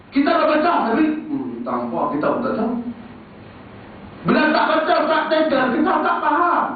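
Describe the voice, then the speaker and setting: Animated high-voiced Malaysian preacher, echoey hall. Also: male voice, a little hiss or hum. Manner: animated storytelling, swinging between high exclamations and low asides. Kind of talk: sermon. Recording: tinny, far-off, echoey hall recording.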